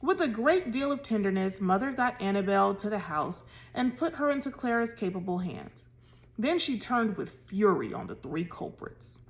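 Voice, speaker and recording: A woman reading a children's novel chapter aloud in an expressive storytelling way. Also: mid-range voice, moderate pace. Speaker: reader.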